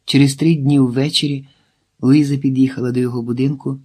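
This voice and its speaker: Male audiobook narrator, steady measured delivery, dark and slightly breathy tone. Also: mid-range voice. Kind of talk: reading a novel aloud.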